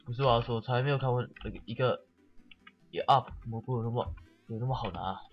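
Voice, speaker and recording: A man's voice: mid-range voice, fast, dull audio, faint music behind. A man giving casual let's-play commentary, sarcastic and swearing often while mockingly reading the game's text aloud.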